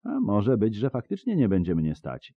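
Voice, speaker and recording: A man's voice: on the low side, wildly swooping pitch, moderate pace, breathy edge, no echo, highs cut off, exaggerated voice. A man voicing a harsh, menacing bounty hunter in an audiobook, curt and growling. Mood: gruff. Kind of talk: audiobook character voice.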